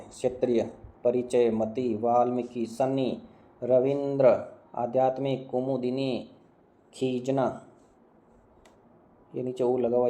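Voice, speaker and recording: A man teaching a grammar lesson in a very dark, heavy voice. He keeps a flat, even tone as he runs down word lists, asks a short question and answers it himself. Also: mid-range voice. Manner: drilling students with quick questions and answers, repeating words. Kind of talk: online exam-prep lesson.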